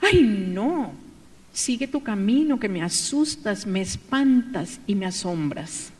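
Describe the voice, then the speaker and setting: A woman's voice: mid-range voice, animated, slow pace, darkish tone. A woman doing a coy little cockroach lady. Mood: alarmed. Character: small vain female cockroach looking for a husband. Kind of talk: oral storytelling. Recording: echoey hall, voice from far off.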